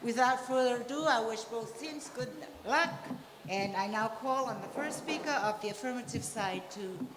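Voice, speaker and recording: High-voiced woman chairing in a hall. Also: moderate pace. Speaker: debate chair. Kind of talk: formal event announcements. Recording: echoey hall with faint background noise.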